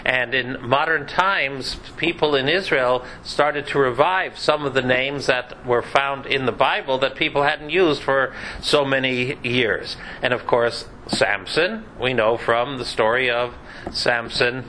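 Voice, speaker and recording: A man's voice: mid-range voice, measured pace, pushed and bright, a little hiss or hum, poor audio. A man giving a conversational Bible class lecture, chatty and sprinkled with dry joking asides. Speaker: Bible teacher.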